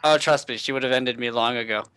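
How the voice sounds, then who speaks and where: A man's voice: medium pitch, steady tone, fast talker, sharp tone, smooth, lightly acted. A man putting on a cheery mock-pirate boatman. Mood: reassuring. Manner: faked swashbuckling pirate accent.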